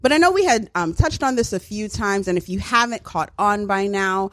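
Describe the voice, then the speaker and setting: A woman from Brooklyn co-hosting a casual podcast, playful and quick to laugh. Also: medium pitch, lively intonation, no room sound. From Brooklyn, New York. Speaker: podcast co-host. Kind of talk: casual chat.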